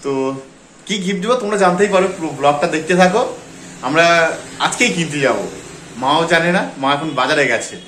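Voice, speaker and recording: A chatty man from West Bengal, India, vlogging his family day at home, talking straight to his viewers. His voice sits a little high. It is caught on a phone in an echoey room with faint noise behind. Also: brisk, pauses often, fairly bright tone. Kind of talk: casual vlog narration.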